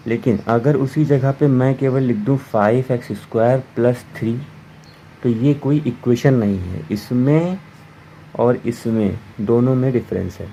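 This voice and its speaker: A man's voice: medium pitch, dark tone, muffled recording, slight background noise. A man teaching a math lesson, explaining step by step and often repeating himself to check understanding. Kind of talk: classroom lecture.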